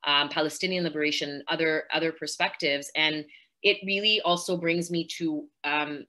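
A woman's voice: low-pitched, steady tone, moderate pace, sharp tone. A woman speaking earnestly and fluently as a panelist in an online discussion, talking from home over a video call. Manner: earnest, fluent activist talk with fillers. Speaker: panelist, podcast host.

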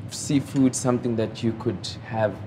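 A man's voice: mid-range voice, steady tone, moderate pace. Man, young adult, South African accent, hesitant eager suitor, casual meal chat, noisy restaurant. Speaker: host on a mock date. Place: restaurant, indoors. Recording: clear background ambient noise.

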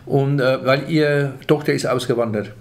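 An older comedian with a Franconian accent chats casually as an interview guest in a small office room, picked up by a table microphone. He talks at normal speed in a medium-pitched voice, restarting often and gesturing as he speaks.

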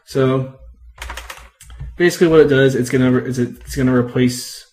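A man's voice: medium pitch, fairly even intonation, normal speed, a little mellow, a little hiss or hum. Casual rambling man explaining code. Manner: rambling, self-correcting, many ums. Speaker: tech video host. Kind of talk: casual screen-recorded tutorial.

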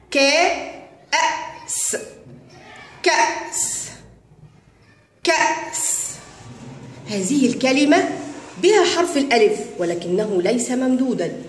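A woman teaching a kindergarten Arabic lesson, slowly drawing out syllables as she sounds out words and addressing the children as friends. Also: fairly high pitch. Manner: slow, drawn-out sounding of syllables. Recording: echoey room with long reverb.

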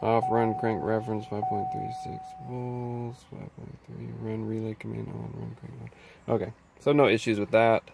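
A man's voice: on the low side, huge pitch swings, normal speed, creaky, background noise. A man working as a mechanic, talking through a scan tool diagnosis inside a car, thinking aloud and reading out values. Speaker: auto mechanic. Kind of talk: casual diagnostic walkthrough.

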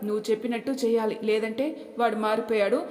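A woman's voice: fairly high pitch, steady tone, fast talker, darkish tone, lightly acted. Give me a woman doing a stern older father scolding his family, in a roomy, echoing space. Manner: lecturing, rhetorical questions. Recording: echoey room, long reverb.

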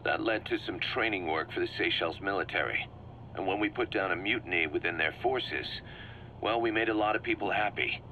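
A man plays a driven, shrewd mercenary commander in a video game, briefing his boss with emphatic assurance in scripted dialogue that lays out plans. His voice sits low, moving fairly quickly with a bright, forceful tone, and his mood is assured and persuasive. The recording sounds muffled, like a cassette, with a hum in the background.

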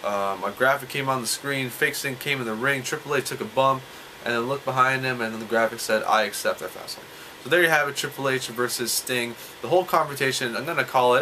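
A young man giving casual, rambling wrestling analysis, animated and full of rhetorical questions. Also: medium pitch, a little hiss or hum, rough recording. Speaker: wrestling vlogger.

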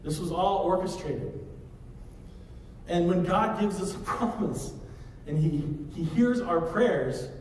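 Thirties male pastor, slightly higher voice, casual sermon delivery, roomy faint hiss. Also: slow pace, pauses often, darkish tone. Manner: conversational preaching, walks the stage gesturing. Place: large church sanctuary. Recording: echoey hall from far off.

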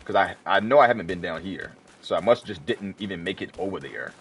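A man's voice: low-pitched, animated, a little fast, breathy edge. A man giving casual let's play commentary, rambling and correcting himself as he chats to the screen. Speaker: gamer playing through a video game.

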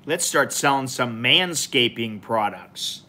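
A man's voice: mid-range voice, expressive, takes it slowly, bright, forceful tone. Chatty bearded man on a live stream. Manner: rambling, chatty and informal, with many fillers. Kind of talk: casual live stream chat. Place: small indoor room with a plain wall.

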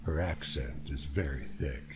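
A man's voice: extremely low pitch, takes it slowly, background noise. A man reading scripted game narration in a wry, storybook manner. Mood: dry.

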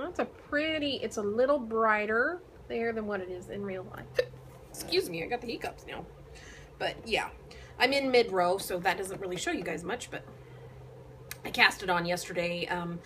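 A woman's voice: medium pitch, fairly bright tone, slight background noise, poor audio. A woman hosting a casual knitting vlog, chatting to her viewers with lots of ums and restarts. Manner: rambling, many ums and restarts. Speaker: knitting vlogger. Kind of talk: casual chat to camera.

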